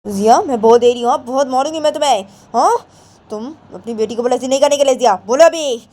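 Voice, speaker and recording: A woman's voice: high voice, fast talker, a little mellow, slight background noise, voice pushed up, close to an everyday voice. A woman voicing a stern, bossy older mother-in-law who nags and scolds in a raised voice. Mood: threatening. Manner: nagging scolding tone.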